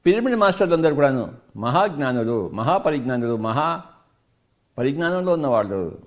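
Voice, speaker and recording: A man with a Telugu accent giving a spiritual discourse as a meditation teacher, preaching emphatically and firing off rhetorical questions. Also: mid-range voice.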